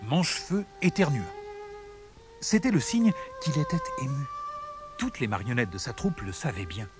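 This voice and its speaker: Male storybook narrator: expressive and animated, over music. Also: medium pitch, moderate pace. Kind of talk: storybook read-aloud.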